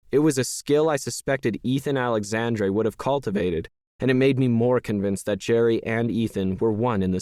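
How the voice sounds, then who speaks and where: A man narrating a science fiction audiobook in the first person, in a measured, even storytelling manner. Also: mid-range voice, no room sound, studio quality.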